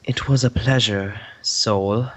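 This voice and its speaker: A man voicing a suave, mysterious young man in an amateur voice drama, speaking slow, low and languid. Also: steady tone, fairly bright tone, exaggerated voice. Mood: cold. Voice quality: smooth, melodious.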